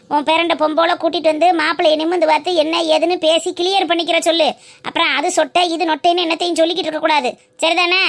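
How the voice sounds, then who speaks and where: A woman's voice: high-pitched, fairly bright tone. A woman voicing a bossy old village grandmother who scolds and gives orders in a cartoon. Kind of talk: cartoon voice acting.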